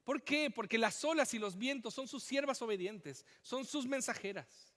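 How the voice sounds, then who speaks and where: Male pastor, very high pitch, impassioned emphatic sermon, long hall echo. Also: animated, normal speed, fairly bright tone. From Chile. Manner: impassioned, emphatic preaching with repetitions. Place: church.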